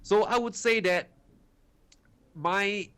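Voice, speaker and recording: He's a guest trader in his twenties from Singapore, and his high-pitched voice sounds pushed and bright yet clean as he takes his time. With a Singaporean English accent, he answers interview questions about his start in trading. His chatty replies are peppered with "right" and "you know."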